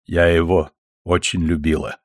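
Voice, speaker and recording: A man's voice: sits low, level tone, moderate pace, no room sound, clean studio sound, lightly acted. A man voicing a blunt, foul-mouthed elderly grandmother who speaks curtly and sharply in an audiobook. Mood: gruff. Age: older. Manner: curt and sharp-tongued.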